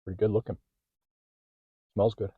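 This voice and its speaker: A man with a lowish voice talks casually through a food tasting, chewing between remarks and filming one-handed. The sound is dry and a little dull, recorded up close in a car. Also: little pitch movement, moderate pace, slightly rough, no echo. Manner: chatty, eats while talking, mouth full at times. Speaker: food vlogger. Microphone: handheld phone or camera.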